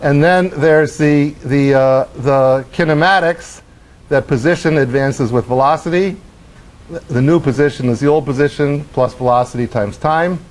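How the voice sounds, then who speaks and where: A middle-aged man giving a university lecture in a lecture hall, animated as he acts out motion and tosses wry questions to the class. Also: fairly high pitch, normal speed. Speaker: professor.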